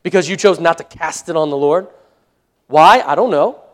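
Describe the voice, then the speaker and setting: High-voiced animated male pastor preaching. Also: moderate pace. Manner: conversational preaching, acts out listeners' excuses, chuckles at own jokes; animated, swings between loud emphasis and soft asides. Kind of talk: sermon.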